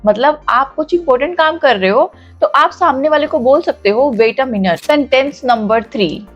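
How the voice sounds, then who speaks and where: A woman teaching spoken English, saying English sentences slowly for viewers to repeat and encouraging them directly. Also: high-pitched, lively intonation, muffled recording, faint music behind. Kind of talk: spoken English lesson in Hindi.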